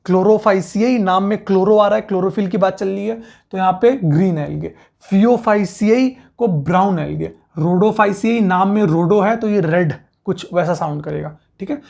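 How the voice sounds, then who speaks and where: Gravelly-voiced male biology teacher. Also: sits high, a little mellow. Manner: brisk, repeats terms for students to memorize. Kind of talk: classroom lecture.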